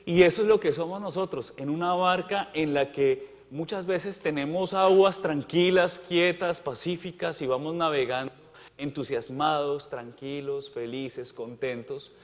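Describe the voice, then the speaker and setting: A man's voice: fairly high pitch, a little slow. A male priest preaching a homily at Mass, emphatic and full of rhetorical questions, often repeating words. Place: parish church. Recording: church with long reverb.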